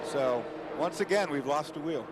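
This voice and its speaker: A male co-commentator talks through a motor race in a conversational way. His voice is a little high, over loud engine noise. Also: moderate pace. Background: race cars.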